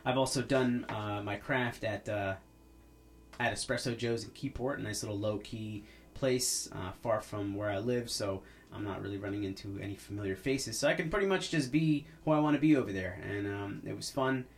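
A man's voice: fairly low pitch, moderate pace, a little hiss or hum. A man, hosting a podcast as a casual, rambling monologue full of restarts. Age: 30s. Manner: rambling, with many restarts and fillers. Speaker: podcast host.

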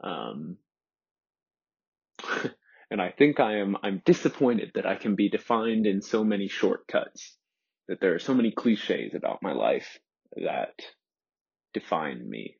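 Alone in a room, a twenty-one-year-old man delivers an introspective solo monologue, speaking hesitantly and softly with many pauses and fillers. His low-pitched voice is sing-song and gravelly with a breathy edge, and the lo-fi recording sounds dull.

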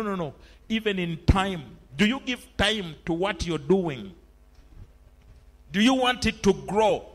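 A middle-aged Ugandan pastor preaches in a high-pitched voice. He moves from loud, rising exhortations to soft, reflective asides. Along the way he calls for amens from the listeners and slips into phrases of a local language. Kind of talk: sermon.

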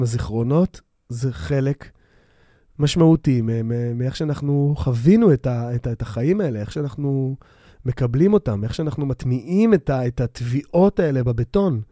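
With studio-quality sound and no room audible, a man speaks in a warm, animated, medium-pitched voice into a new stand-mounted mic. He's a podcast host and bassist doing a casual solo monologue, rambling, restarting, using many fillers, and laughing easily at his own expense.

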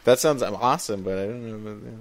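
A man's voice: lowish voice, fast, a crowd in the background. A man co-hosting a gaming podcast, rambling and laughing as he chats casually. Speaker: podcast co-host. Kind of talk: casual chat.

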